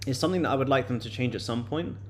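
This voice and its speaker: Talking rapid-fire in a mid-range voice, this late-twenties day-trading streamer answers viewers in casual live chat, full of fillers and repeated words. Faint music plays behind him.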